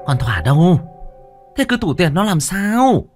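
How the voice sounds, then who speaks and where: A man's voice: mid-range voice, moderate pace, a bit bright, soft background music, voice pushed up, natural voice. A man voicing a grieving middle-aged village matriarch who screeches, scolds and wails. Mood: frantic.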